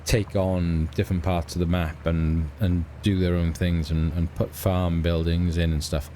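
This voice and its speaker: Deep and warm but flat in delivery, a middle-aged Welshman speaks unhurriedly as he hosts a casual let's play. He rambles with hesitations, ums and restarts, and a slight hiss or hum sits underneath.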